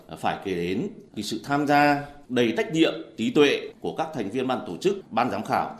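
A man giving a formal official statement with some hesitations. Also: mid-range voice. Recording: roomy interview audio.

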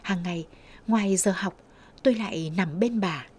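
A woman narrating a story in the first person with slow, expressive storytelling. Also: mid-range voice, husky.

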